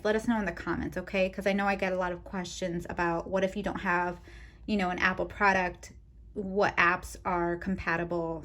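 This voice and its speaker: A woman's voice: medium pitch, fairly bright tone. Chatty woman budgeting vlogger. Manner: chatty, talks straight to viewers with frequent ums. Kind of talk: casual direct-to-camera vlog.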